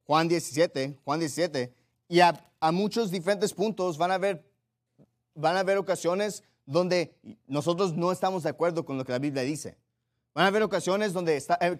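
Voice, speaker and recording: Emphatic, fairly high-voiced male preacher. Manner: emphatic, repeats key phrases, slows down for scripture; addresses the listeners directly with rhetorical questions. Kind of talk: sermon.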